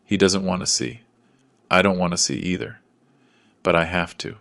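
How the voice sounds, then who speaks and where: A man reading a dramatic first-person story in a measured, somber way. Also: sits low, steady tone, gravelly, a bit bright, no echo, studio quality. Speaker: narrator.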